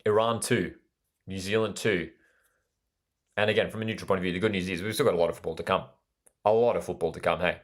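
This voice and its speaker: An Australian man with a fairly low, steady voice hosts a live football watch party, talking fast but with long pauses. He calls the play enthusiastically, interacts with viewers in chat, and often repeats a phrase for emphasis.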